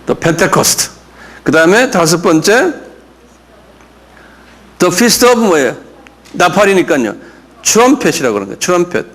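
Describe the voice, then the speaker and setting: A man's voice: high voice, sing-song, unhurried, pauses often, a bit bright. A man, a pastor, giving a Bible class lecture, quizzing his listeners and having them repeat words after him. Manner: drills pronunciation, quizzes listeners, chuckles. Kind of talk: classroom lecture with audience questions.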